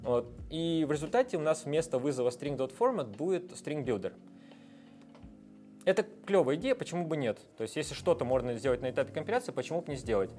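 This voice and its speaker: Over soft background music, a software developer being interviewed casually speaks fast in an animated voice on the high side with a darkish tone. He goes on at length about technical ideas, hesitating frequently.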